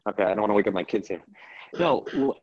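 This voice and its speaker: A man's voice: on the low side, expressive, quick pace, dull audio. A man speaking on a group call whose connection keeps breaking up and dropping out, so he keeps checking whether he can be heard. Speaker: participant in a rabbi's group call. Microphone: phone or online call.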